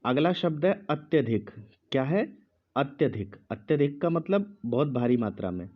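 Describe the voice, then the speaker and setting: Guy giving a slow spelling dictation, repeats every word, kinda dull audio. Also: medium pitch, lively intonation. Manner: speaks slowly with pauses, repeats each word. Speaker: Hindi teacher.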